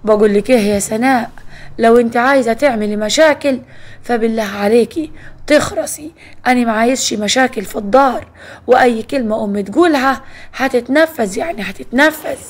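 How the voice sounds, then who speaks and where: A woman's voice: a little high, fairly quick, close to an everyday voice. A woman voicing a stubborn, domineering young husband with an Egyptian accent who talks in a harsh, commanding way.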